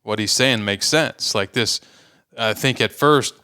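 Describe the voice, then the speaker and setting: A man hosting a casual podcast conversation, blunt and profane, quick to agree. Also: medium pitch, pushed and bright, smooth. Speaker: podcast host.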